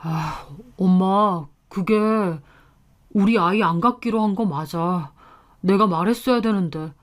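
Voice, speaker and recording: A voice actor playing a hesitant young husband who mumbles soft, evasive answers. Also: male voice, sits high, lively intonation, unhurried, smooth. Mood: sheepish.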